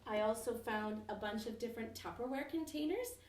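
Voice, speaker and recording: A woman music teacher leading a children's lesson at home, speaking gently and encouragingly and singing slow, simple verses. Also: on the high side, a little hiss or hum. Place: home, kitchen nearby. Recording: roomy echo from a distance.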